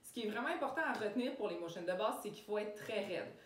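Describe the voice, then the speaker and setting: A woman with a Québécois French accent, coaching cheerleading and explaining each move step by step in a clear, upbeat way. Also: mid-range voice, lively intonation, quick pace, slight background noise. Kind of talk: instructional demonstration. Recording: echoey room, mic far off.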